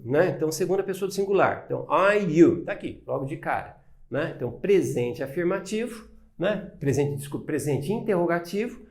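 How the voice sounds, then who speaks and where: A man's voice: a little high, a little mellow. A man with a Brazilian Portuguese accent teaching an English lesson, explaining patiently and often checking understanding with short tag questions.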